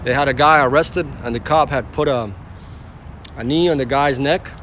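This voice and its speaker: A rideshare driver from the former Yugoslavia talks with his livestream viewers from inside his car as he drives through the city. His mid-range voice is a bit bright and moves at normal speed over slight background noise, and he rambles, repeats himself, and responds to the chat.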